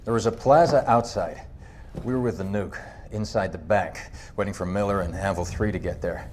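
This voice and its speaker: A man's voice: sits low, normal speed, a little mellow, slight background noise, lightly acted. An actor playing a weary, defiant army sergeant who pleads his case in a terse, urgent, exasperated way in a video game. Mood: grim, subdued. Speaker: soldier under interrogation. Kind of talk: dramatic video game acting.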